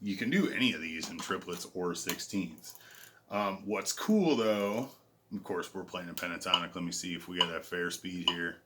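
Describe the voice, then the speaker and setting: A man giving a casual guitar lesson in a relaxed, self-deprecating way, calling out frets and counting beats. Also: low-pitched, normal speed, background noise. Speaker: guitar teacher. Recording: loud guitar playing behind the voice. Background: electric guitar.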